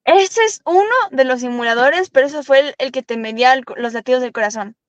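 A young woman from Ecuador, a racing driver, talking eagerly as a podcast guest, rambling quickly with many restarts. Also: high voice, dry recording. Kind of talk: podcast interview. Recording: dull lo-fi sound, dry.

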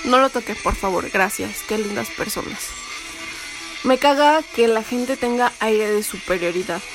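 A young Mexican woman delivers a heated, foul-mouthed vlog rant, her voice sitting somewhat high. Sarcasm and swearing run all through it. Music plays clearly behind her. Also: a little slow. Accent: Mexican Spanish. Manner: profane, heated, sarcastic ranting. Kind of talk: ranting vlog monologue.

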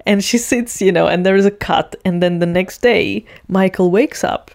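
A woman's voice: mid-range voice, normal speed, vocal fry, darkish tone. A woman casually retelling a TV scene, chatty and full of fillers. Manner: chatty, heavy use of fillers. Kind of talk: casual storytelling.

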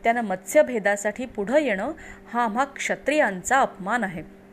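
A woman's voice: on the high side, expressive, moderate pace, slight background noise, natural voice. A woman voicing a scornful, furious king. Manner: loud scornful shouting. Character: arrogant angry male king, scornful.

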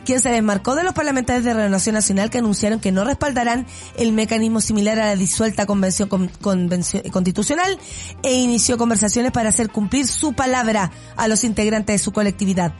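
A woman's voice: fairly high pitch, quick pace, a little mellow, faint music behind. Sarcastic Chilean woman radio host. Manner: sarcastic, laughs often, blunt. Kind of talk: casual opinionated radio commentary.

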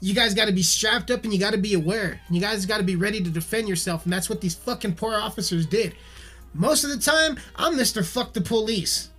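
A man's voice: high-pitched, fairly quick, a bit bright. A man giving a heated, profanity-filled video rant, swearing constantly and repeating himself, with faint music behind him. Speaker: musician ranting on camera.

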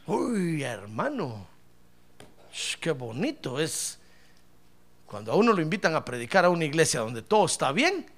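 A man preaching a lively, humorous sermon as a pastor, speaking fervently, crying out praise and often calling his listener brother. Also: on the high side, normal speed, pauses often. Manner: fervent, jokes, cries out praise, keeps addressing "hermano".

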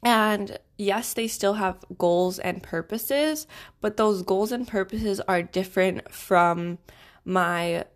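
A woman's voice: mid-range voice, slow pace. A young adult woman hosting a solo self-help podcast, giving advice in a tidy, organised way. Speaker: podcast host.

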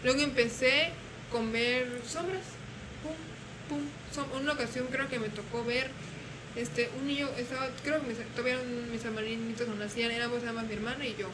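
Fast-talking woman, high voice. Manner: animated, acts out voices in her stories. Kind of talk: casual storytelling. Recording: noisy room.

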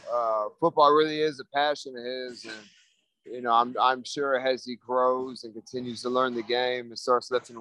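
A man, a fighter, answering interview questions in a mellow, laid-back way with many fillers. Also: medium pitch, clean tone, no echo, rough recording. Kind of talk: casual interview.

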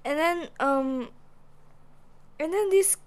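A woman's voice: sits high, slow pace. A young woman with a Malaysian English accent, co-hosting a casual chat and telling a story with Malay words and swearing mixed in. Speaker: podcast co-host.

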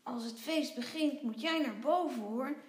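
A woman's voice: sits high, unhurried, voice pushed up. A woman voicing a worried little boy. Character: shy anxious little boy at his birthday. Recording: echoey room.

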